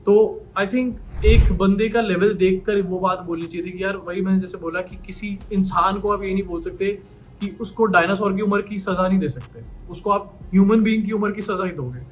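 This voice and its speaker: A man's voice: high-pitched, normal speed. A young man talking straight to his viewers, earnest and a little worried, mixing Hindi with English phrases. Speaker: YouTuber. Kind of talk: talking to camera.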